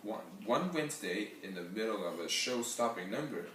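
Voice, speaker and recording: A man's voice: on the low side, lively intonation, moderate pace, fairly bright tone, recorded from a distance, a little hiss or hum. A man reading a picture book aloud expressively. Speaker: storybook reader. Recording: very echoey room heard from afar.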